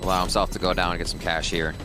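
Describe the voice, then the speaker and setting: A man's voice: low voice, little pitch movement, rapid-fire, background noise. A man giving live esports commentary as an analyst caster alongside the match.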